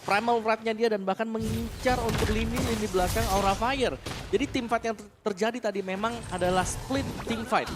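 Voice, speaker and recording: A man's voice: high-pitched, steady tone, moderate pace, music in the background. A man with an Indonesian accent giving analytical live commentary on an esports match.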